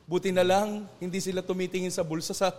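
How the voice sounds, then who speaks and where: A Filipino man, a pastor, giving an earnest, preacherly testimony that slows for emphasis. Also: high-pitched, flat delivery, darkish tone. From Philippines. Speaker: pastor, interview guest. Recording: long hall reverb.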